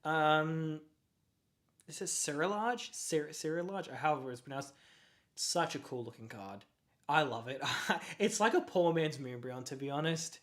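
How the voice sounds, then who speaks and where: A young Australian streamer talking off the cuff in a mid-pitched voice. The delivery is excitable and rambling, full of quick apologies and laughter. It sounds like a relaxed live chat, not a script. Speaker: card-collecting livestreamer. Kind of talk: casual livestream chat.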